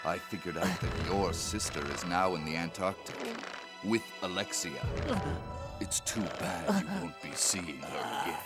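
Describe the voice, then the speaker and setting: An actor playing a smug, vengeful villain in a video game, taunting with deliberate, tight-lipped menace. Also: male voice, low-pitched, animated, creaky, exaggerated voice. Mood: gloating. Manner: slow, taunting, deliberate delivery through a barely open mouth. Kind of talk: theatrical video game voice acting. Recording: loud game music underneath. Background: game music.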